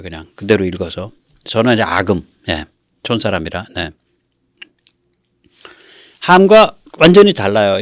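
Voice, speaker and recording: A man's voice: mid-range voice, dry recording, clean studio sound. A man hosting a casual commentary show, talking in a folksy way and acting out quotes. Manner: lively, folksy, chuckles and acts out quotes. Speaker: host. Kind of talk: casual commentary on military affairs.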